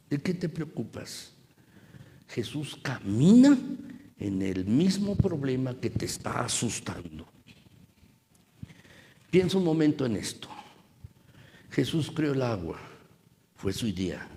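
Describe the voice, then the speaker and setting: A man's voice: lowish voice, a little hiss or hum. A male pastor preaching a sermon earnestly, addressing the congregation as brothers and building to emphatic preaching. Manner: builds from quiet reflection to raised, emphatic preaching. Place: church sanctuary. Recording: long reverb of a church hall.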